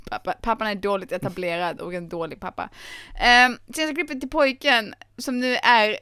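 Bright, animated woman podcast host. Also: mid-range voice, smooth, dry recording, clean studio sound. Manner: animated, swears, acts out scenes with laughs. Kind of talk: casual chat about a film.

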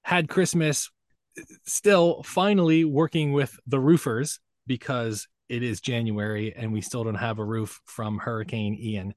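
A man's voice: mid-range voice, unhurried, no room sound. A man hosting a podcast in casual chat, joking and laughing often. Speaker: podcast host.

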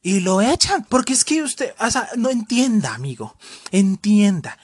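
Animated Colombian woman ranting. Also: mid-range voice, a little slow, husky, no room sound, clean studio sound. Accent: Colombian, Cali. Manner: animated, complaining, mimics sounds and bus passengers. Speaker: vlogger. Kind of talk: casual comedic rant to camera.

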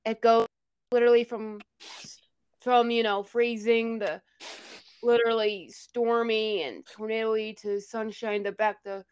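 A woman's voice: fairly high pitch, flat delivery, measured pace, darkish tone, clean tone, no echo. A woman co-hosting a casual podcast, stuffy from her sinuses and a bit rambling and hesitant. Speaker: podcast co-host. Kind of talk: casual chat.

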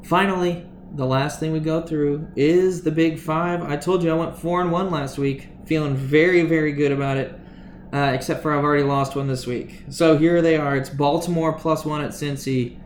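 A man's voice: fairly high pitch, steady tone, normal speed. A man hosting a casual solo sports show, talking informally to listeners over passing sirens. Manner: informal, addresses listeners as guys and baby. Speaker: podcast host. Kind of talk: casual solo fantasy football commentary. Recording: roomy echo, faint noise, passing sirens. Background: emergency sirens passing outside.

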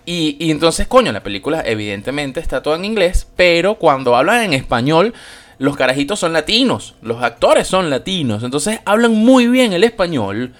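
A Venezuelan man hosting a podcast in loose, casual chat. His voice sits somewhat high for a man. He rambles, swears freely and leans on street slang. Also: big pitch swings, normal speed. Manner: rambling, slangy and profane, many fillers. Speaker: podcast host reviewing a film.

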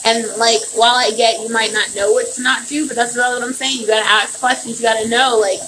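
A woman's voice: a little high, steady tone, fairly quick, fairly bright tone. A young woman hosting her own podcast, rambling casually and swearing freely, a bit tipsy, recorded at home by the bath. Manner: loose and profane, slightly tipsy. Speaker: podcast host. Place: at home near a bathtub. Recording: noisy home recording with running water.

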